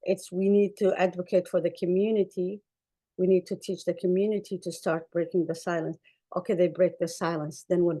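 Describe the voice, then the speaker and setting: A fairly low-pitched, dark-toned woman's voice moves at a brisk pace with a level tone as she presents a slide-based conference talk. The earnest clinician comes from Somalia, speaks Arabic as her first language, and repeats phrases emphatically for stress.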